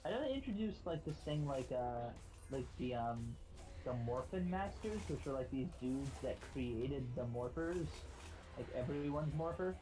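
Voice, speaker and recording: A man's voice: mid-range voice, animated, normal speed, dark tone, soft background music, poor audio. A man co-playing on a stream, chatting in a rambling, laid-back way full of fillers. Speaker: guest co-player on a stream. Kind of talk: casual gaming stream chat.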